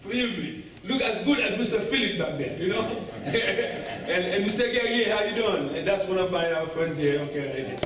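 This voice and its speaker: Animated Haitian-accented man in an echoey room. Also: high voice, normal speed, hardly any pauses, crowd noise. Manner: animated, laughing, addresses the audience directly. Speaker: guest speaker. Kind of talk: storytelling talk to a club audience. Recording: echoey room, distant mic.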